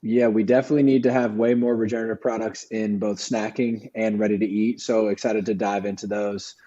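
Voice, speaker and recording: A man hosting a podcast interview who asks quick, friendly questions. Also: on the low side, level tone, dark tone. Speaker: podcast host. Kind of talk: casual interview talk. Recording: dull lo-fi line.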